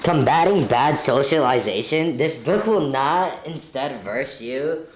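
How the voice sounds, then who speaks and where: A man's voice: mid-range voice, animated, unhurried, faint music behind. A man co-hosting a vlog, reading aloud in a mock-dramatic, joking way. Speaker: vlog co-host. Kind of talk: casual joking vlog banter. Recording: noisy background.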